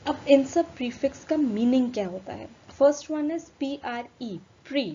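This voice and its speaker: A woman teaching an English lesson, switching between Hindi and English and spelling words letter by letter, slowing down for English definitions. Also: high voice, animated, dark tone. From India. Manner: slows right down for English definitions. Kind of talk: recorded classroom lesson. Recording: dull lo-fi recording with faint room noise.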